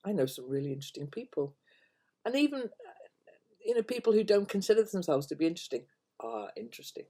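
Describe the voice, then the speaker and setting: An older woman vlogger chats casually to her viewers at home, meandering and hesitant, with phrase endings that trail off softly. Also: fairly low pitch, big pitch swings, fast. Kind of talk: casual rambling chat to camera. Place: at home, indoors.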